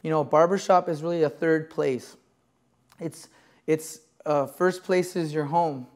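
A man, a barber, calmly explaining barbershop history in a documentary interview in a barbershop. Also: on the high side, unhurried.

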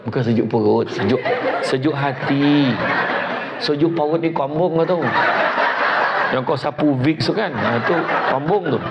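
A middle-aged man with a Malaysian Malay accent giving a humorous motivational lecture in a library hall, animated and joking. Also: measured pace. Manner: animated and joking, acts out quotes in high voices. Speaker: motivational preacher. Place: event hall at a public library. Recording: dull lo-fi live recording with background noise.

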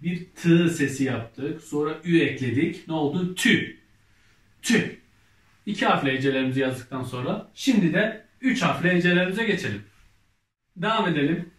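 A man teaching a remote first-grade reading lesson, sounding out letters and syllables slowly and repeating them. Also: a little high, expressive, echoey room, distant mic. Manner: slow, drawn-out syllables, repeating each sound aloud.

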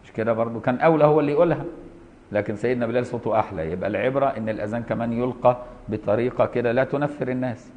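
A middle-aged man with an Egyptian Arabic accent teaches a classroom jurisprudence lesson at a brisk clip. He reads a formal text aloud, then breaks into lively, colloquial explanation. He checks in with his students now and then with quick rhetorical questions. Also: mid-range voice, narrow, tinny audio, a little hiss or hum.

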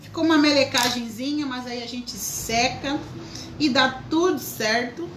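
Bright high-voiced chatty woman. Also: a little slow, roomy sound, a little hiss or hum, low-quality recording. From Brazil. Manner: chatty, greets viewers by name. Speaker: craft teacher, live stream host. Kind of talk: live craft tutorial.

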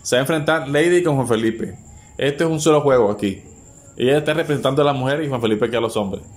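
A man hosting party games at home, urgently cheering players on with rapid, repeated urging and laughter. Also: medium pitch. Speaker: host running family party games. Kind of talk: excited play-by-play commentary. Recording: noisy home recording.

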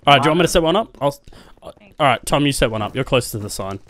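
A man chatting through a group game, upbeat and egging the others on. His voice sits at an ordinary middle pitch. Plain voice-chat sound. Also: lively intonation, racing, a crowd in the background. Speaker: gamer. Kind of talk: casual gaming chat.

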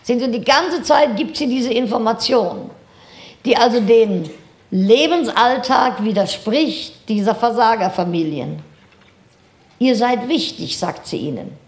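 A woman in her sixties giving a seminar lecture, retelling a story in a lively, animated way with asides to her audience. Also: on the high side, a little slow. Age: 60s. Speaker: seminar speaker. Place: seminar hall. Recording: roomy seminar hall.

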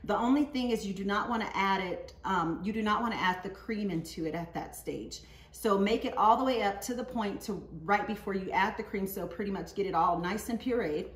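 A woman's voice: mid-range voice, fairly quick. A woman hosting a cooking show in her kitchen, talking through each step in an easygoing, chatty way with frequent fillers. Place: home kitchen. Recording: roomy echo, voice from a distance.

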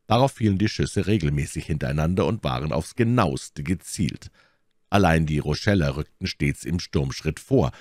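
A man narrates a classic novel as an audiobook, lively and acting out each character. His voice is very low and deep with a wide, animated melody. The sound is dry and close. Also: no echo. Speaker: reader of an audiobook.

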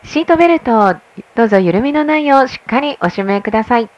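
A woman working as a flight attendant makes a formal inflight announcement over the cabin PA. She speaks in a polite, measured way from inside an airplane cabin. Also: a little high, expressive, highs cut off.

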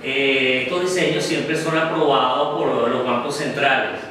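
A middle-aged guest lecturer gives a slide presentation in a darkened classroom with a projector screen, speaking unhurriedly and often checking with the audience by asking "ok?". His mid-range voice sounds pushed and bright. A far-off camera mic picks him up, so the recording is very echoey and noisy.

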